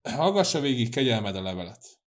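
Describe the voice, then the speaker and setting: A man voicing a gentle noblewoman who speaks quietly and kindly in an audiobook. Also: mid-range voice, big pitch swings, close to an everyday voice. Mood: soothing. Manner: quiet, soothing. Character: gentle noblewoman, calming her husband.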